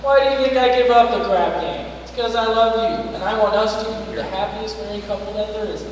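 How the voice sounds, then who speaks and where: A high voice from a man acting out a slippery gambler sweet-talking his fiancée, coaxing and evasive. It sounds distant, rolling around a big echoing auditorium with a faint hum behind it. The scene comes from a stage musical. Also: steady tone, fairly quick, close to an everyday voice. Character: smooth-talking gambler dodging his wedding. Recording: echoey hall recording from far off.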